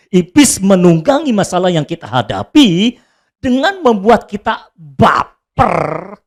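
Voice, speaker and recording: A male pastor delivers a sermon with a lively, swooping pitch that climbs high when he acts out pleading prayers. He jokes with the congregation and dramatizes quotes in his own voice. His delivery is expressive and animated.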